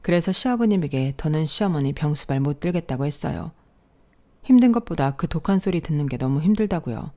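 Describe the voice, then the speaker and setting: A woman narrating a family story in the first person, in a calm, plain storytelling manner. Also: sits low.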